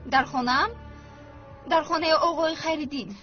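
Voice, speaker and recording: A woman's voice: sits high, natural voice. An actress dubbing a stern, bossy woman who orders children about and pushes a plan. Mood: commanding. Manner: bossy, commanding. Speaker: stern stepmother figure. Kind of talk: dubbed TV drama. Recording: lo-fi with music underneath.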